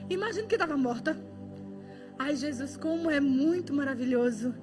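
A woman's voice: high voice, lively intonation, normal speed, music in the background. A woman preacher giving a fervent, emotional sermon, her voice often breaking with tears.

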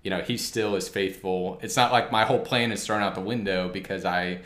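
A man co-hosting a casual faith discussion, speaking in a measured, reflective way. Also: sits low, fairly even intonation, a bit bright, echoey room. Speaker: podcast co-host.

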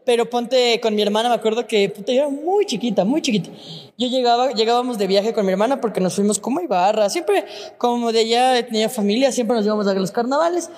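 A woman's voice: a little high, fast talker, a little mellow, long reverb tail. An Ecuadorian woman co-hosting a podcast in casual, teasing chat, laughing often. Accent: Ecuadorian Spanish. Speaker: podcast co-host.

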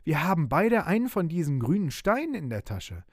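Man voicing a nervous young sailor, jumpy, higher voice, storybook reading. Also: brisk, no room sound, studio quality. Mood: excited. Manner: excited, high-pitched outbursts. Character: excitable, nervous young male ship's mate.

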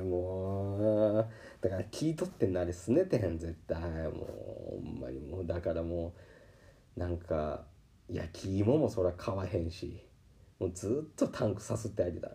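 A man with a Kansai accent hosting a podcast, telling a story in a casual, animated way and acting out the people he quotes. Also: low-pitched, normal speed, vocal fry. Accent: Kansai Japanese. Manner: animated, acts out quoted voices. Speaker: podcast host. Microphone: podcast microphone.

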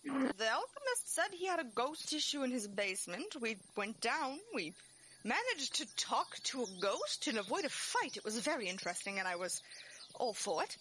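A woman's voice: fairly high pitch, very animated, normal speed, bright, forceful tone, low-quality recording. A woman playing a tabletop game, explaining at length in casual chat. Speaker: player. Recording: clear background noise.

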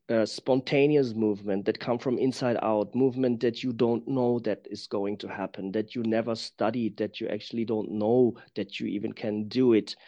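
A man who is not a native English speaker, talking reflectively as an interview guest in careful, halting English, searching for words. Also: medium pitch, warm tone. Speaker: interview guest, professional dancer. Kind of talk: reflective conversation. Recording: dull lo-fi sound.

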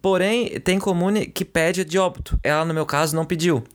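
A man from Brazil with a Brazilian accent, a guest telling his story in a casual interview, animated and swearing as he acts out the people he quotes. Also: high-pitched, moderate pace. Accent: Brazilian Portuguese.

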